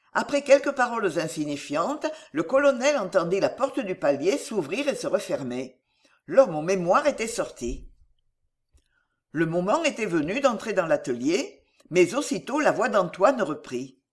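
Expressive audiobook narrator. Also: medium pitch. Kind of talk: reading a novel aloud.

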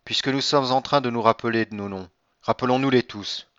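A man's voice: mid-range voice, a little fast, a bit bright, smooth, no room sound, close to an everyday voice. A man reading an audiobook, voicing a bitter, vengeful nobleman who speaks with cold irony. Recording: dull lo-fi dry recording.

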